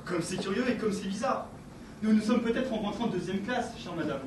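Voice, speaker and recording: A man's voice: high voice, a little fast, distant mic, lightly acted. A man acting a stiff, courteous English husband who speaks in a courtly, fussily exact way, in an amateur stage play. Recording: echoey stage from afar, noisy.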